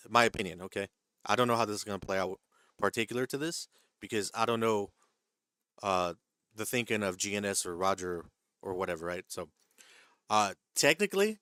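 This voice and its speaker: This stock trading livestream host reads viewer questions from the chat and explains the rules, hedging, repeating himself, and checking in with "right?" and "okay?". His voice is fairly low with a sharp, clean tone. The studio-quality sound has no echo.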